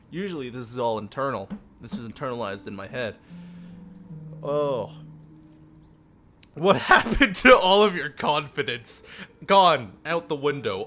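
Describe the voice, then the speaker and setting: Streaming a visual novel live, a man with a medium-pitched voice keeps up casual, animated banter, swearing and poking fun at himself.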